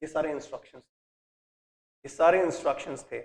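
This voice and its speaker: A man teacher explaining an English story lesson, reading lines aloud and acting out the characters' speech in an animated way. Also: fairly high pitch, a little fast. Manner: switches between reading English text and explaining.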